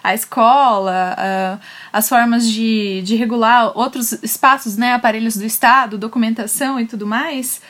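A woman's voice: on the high side, fairly even intonation, normal speed, a bit bright. A woman with a Brazilian accent giving an explanatory academic talk. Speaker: panel speaker on linguistics.

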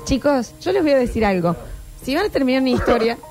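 An Argentine woman on a radio comedy panel, teasing and quick to interrupt. Her voice sits high and moves around a lot. Soft music plays faintly behind her. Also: sing-song. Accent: Argentine Spanish. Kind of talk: casual comedic chat.

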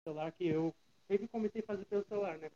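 Guy on a call that keeps cutting out, voice fading and muffled, kinda highish, chill and jokey. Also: quick pace, mellow, dry recording. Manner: laid-back, joking. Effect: call audio dropping out, voice fading and muffled. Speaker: podcast guest on a remote call. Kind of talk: casual chat.

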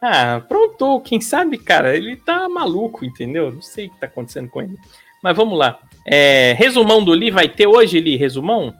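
A man's voice: sits high, very animated, normal speed, a bit bright. Teasing Brazilian man over faint music. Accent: Brazilian Portuguese. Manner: teasing, upbeat prompter reading listener messages. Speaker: podcast co-host. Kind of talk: casual banter.

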